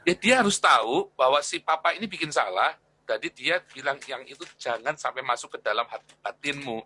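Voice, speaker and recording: A man's voice: medium pitch, brisk, bright, forceful tone, husky. A middle-aged man teaching an informal church class on discipleship. He talks in a chatty way, repeats phrases and tags his lines with little questions.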